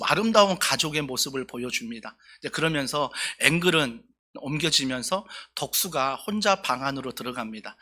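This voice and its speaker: A man's voice: medium pitch, pushed and bright. A male pastor preaching a sermon, telling a story earnestly and with feeling.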